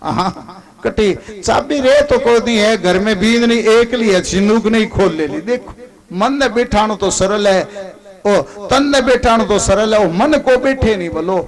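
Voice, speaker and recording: A man with a Rajasthani accent telling a devotional story as a sermon, lively and calling on his listeners to answer. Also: high-pitched, measured pace. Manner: lively, calls on listeners to respond. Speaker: religious storyteller.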